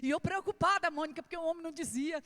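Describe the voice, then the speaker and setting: A woman's voice: very high-pitched, racing. A woman with a Brazilian Portuguese accent preaching a sermon in a church, telling a personal testimony with passion. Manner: impassioned storytelling, swinging between hushed and loud.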